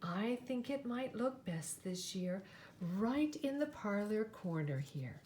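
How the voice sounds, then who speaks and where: A woman voicing a grand, excitable gentleman in a storybook, theatrical and exclamatory. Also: mid-range voice, slow pace, a little hiss or hum. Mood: polite, eager. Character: excitable, grand wealthy gentleman delighted by trees. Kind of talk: storybook character voice.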